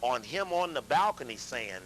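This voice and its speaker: A man lecturing a live audience, animated, asking them questions and repeating himself as he talks. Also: medium pitch, moderate pace, slight background noise, poor audio. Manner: animated, addresses audience directly, repeats and restarts.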